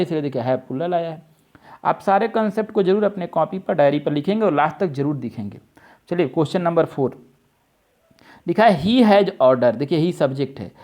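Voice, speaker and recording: A man's voice: on the high side, a little mellow. Methodical male grammar teacher. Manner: explains step by step, spells words out letter by letter; checks in with students, asks if it is clear. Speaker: English grammar teacher for competitive exams. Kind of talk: exam-prep grammar lesson.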